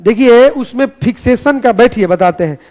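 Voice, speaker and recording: A man teaching a class in a classroom, loud and playful, rallying the students with call-and-response. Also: very high voice, lively intonation, normal speed. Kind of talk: energetic classroom lecture.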